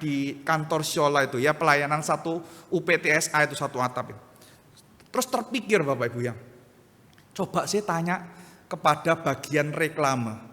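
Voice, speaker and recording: Bright, lively East Javanese pastor preaching. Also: male voice, a little high, in a large hall. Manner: animated, acts out other voices in anecdotes. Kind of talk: sermon with storytelling. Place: church hall.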